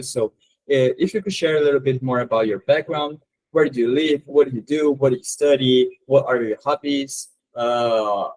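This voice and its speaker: Brazilian host, polite filler-heavy English. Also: male voice, medium pitch, darkish tone, no echo, rough recording. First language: Portuguese. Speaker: community manager and moderator. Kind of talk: hosting an online class.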